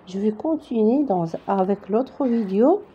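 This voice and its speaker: A woman's voice: mid-range voice, animated, a little slow, breathy edge. A woman teaching French reading, spelling words out letter by letter and checking with "d'accord?". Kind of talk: slow spelled-out reading lesson. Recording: dull lo-fi home recording.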